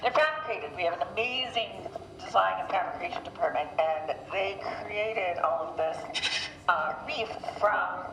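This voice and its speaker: A woman's voice: fairly low pitch, moderate pace, gravelly, fairly bright tone. A woman working as a volunteer scuba diver answers audience questions during a live aquarium presentation, speaking underwater. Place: underwater in aquarium tank, through diver communication system. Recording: echoey diver mask microphone, background noise.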